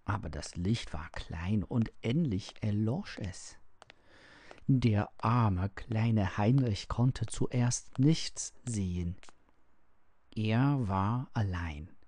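Very slow, husky male storyteller. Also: lowish voice, animated, a little mellow. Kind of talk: storybook reading aloud.

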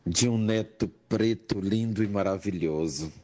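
Older Pernambucan man, nurse-educator; slow, measured testimony with rising emphasis. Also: on the low side, dark tone. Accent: Pernambuco Portuguese. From Brazil, Pernambuco. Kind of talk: personal testimony monologue.

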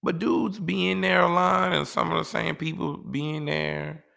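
A man's voice: a little high, level tone, moderate pace, vocal fry, sharp tone. A man talking casually and giving life advice in a laid-back, rambling way, often saying "you know".

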